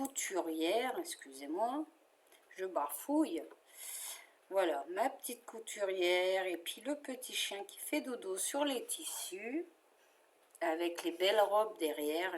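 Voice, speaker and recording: A woman with a French accent chatting casually as she shows her favorite cross-stitch patterns, with fillers and little asides. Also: mid-range voice.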